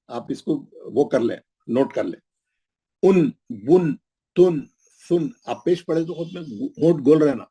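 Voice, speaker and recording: A man teaches a recitation class, sounding out syllables one by one and pausing to ask whether his students follow. His voice is gravelly and husky, with a dark, mellow tone. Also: mid-range voice. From Hyderabad, India. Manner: drills syllables slowly, checks in with "right?". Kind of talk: classroom lesson.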